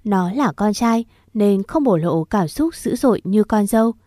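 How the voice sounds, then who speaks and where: Woman reading a story, steady and gentle, dry close mic. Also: medium pitch, unhurried, no echo. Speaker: narrator. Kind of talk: storytelling narration.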